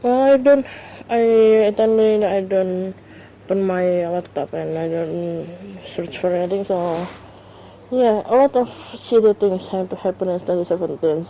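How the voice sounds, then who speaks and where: This podcast host is a woman for whom English is a second language, talking by herself at home in her first solo episode, captured on a phone. She has a fairly low, dark voice at a measured pace, and her casual talk stumbles with fillers and restarts over a rough recording with a little hiss or hum.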